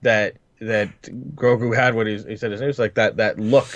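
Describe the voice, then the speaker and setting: A male podcast co-host chats casually, often stalling and repeating himself mid-thought. His voice is on the low side. The recording is dry and slightly muffled, as if a cheaper mic was used. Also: steady tone, no echo. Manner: halting, repeats words while searching for them. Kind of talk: casual chat.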